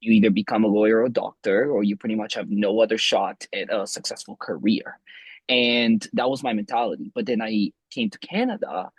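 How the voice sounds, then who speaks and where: A man in his twenties tells his story as a podcast guest, his voice a little husky. He talks loosely and rambles, restarting sentences and filling pauses. The sound is dry and close. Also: on the low side, steady tone, dry recording. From Romania. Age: 20s. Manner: rambling, many restarts and fillers. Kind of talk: casual interview chat.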